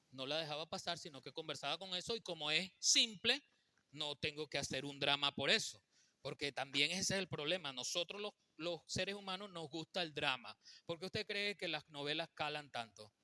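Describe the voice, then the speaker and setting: A man's voice: a little high, sharp tone, no room sound. A man giving a faith-based teaching talk on marriage, speaking emphatically and often checking in with his listeners.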